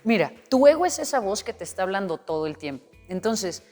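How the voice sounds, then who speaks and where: A woman's voice: mid-range voice, sing-song, a little fast, darkish tone. A woman explaining things earnestly as a guest coach in an interview, sometimes acting out an inner voice. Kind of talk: interview conversation. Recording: long reverb with faint music.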